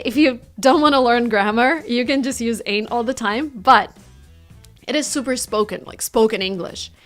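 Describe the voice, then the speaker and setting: Light background music plays beneath a Russian-accented woman teaching English online. Her voice sits a little high, and she acts out example phrases with lively, exaggerated swings in intonation.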